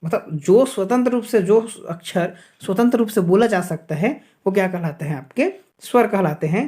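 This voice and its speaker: Man, grammar teacher, exam-prep lesson, rhetorical questions, repeats okay, spells out sounds slowly. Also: high-pitched, mellow. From Chhattisgarh, India. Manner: asks and answers his own rhetorical questions; keeps checking in with a repeated "okay".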